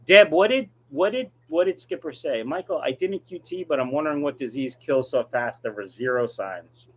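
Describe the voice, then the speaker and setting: A man's voice: a little high, animated, moderate pace, husky. A man hosting a casual livestream, reading viewer questions and answering them in a blunt, offhand way. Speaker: livestream host, aquarium fish breeder.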